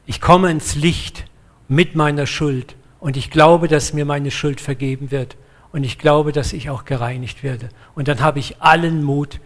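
Male preacher, gravelly and slightly high-pitched, blunt, lively sermon delivery. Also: a little slow. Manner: lively, blunt, acts out quoted voices.

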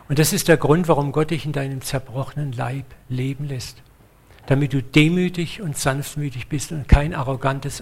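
A man preaching a sermon in a lively, blunt way, acting out the voices of the people he quotes. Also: medium pitch, vocal fry, slightly rough.

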